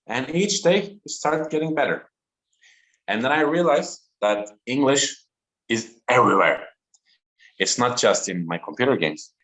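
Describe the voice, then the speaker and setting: A man in his thirties from Turkey, a native Turkish speaker giving an online talk to students slowly and deliberately over a video call. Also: medium pitch, fairly bright tone. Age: 30s. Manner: slow, deliberate and interactive.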